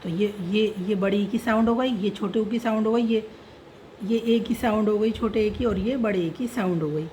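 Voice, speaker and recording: A woman's voice: medium pitch, moderate pace, mellow, slight background noise, rough recording. A woman teaching how to read and write a script, spelling out letters and sounds patiently. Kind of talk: slow script lesson.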